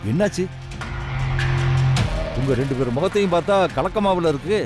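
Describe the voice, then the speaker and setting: A man's voice: on the high side, expressive, moderate pace, over loud music, lightly acted. An actor playing a showy village man who fawns over visitors and boasts of his family's power in a TV serial. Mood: fawning. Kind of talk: TV serial acting.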